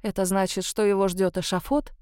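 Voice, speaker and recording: A woman's voice: medium pitch, fairly quick, clean tone, no echo, clean studio sound. Woman reading a first-person audiobook. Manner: steady, expressive reading. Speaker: audiobook narrator.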